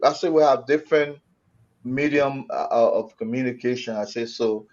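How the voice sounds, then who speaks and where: A man's voice: mid-range voice, moderate pace, darkish tone. A man with a Liberian accent explaining things conversationally in a talk show discussion, often repeating his phrases. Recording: dull lo-fi audio.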